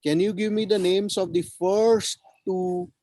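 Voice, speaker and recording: A man's voice: high voice, steady tone, unhurried, dark tone, no echo, low-quality recording. A man teaching children over a video call, encouraging them and repeating his praise and questions. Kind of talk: online children's class.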